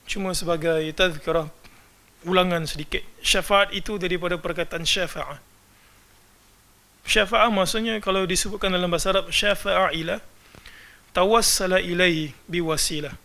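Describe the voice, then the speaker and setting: A man's voice: high voice, moderate pace, vocal fry, sharp tone. A man with a Malaysian Malay accent giving a religious lecture, often asking his audience rhetorical questions. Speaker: religious teacher.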